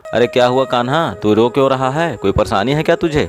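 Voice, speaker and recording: A man's voice: mid-range voice, expressive, fairly quick, faint music behind, voice pushed up, close to an everyday voice. A man voicing a shrewd, kindly elderly grandmother in a read-aloud story, teasing and knowing. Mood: concerned.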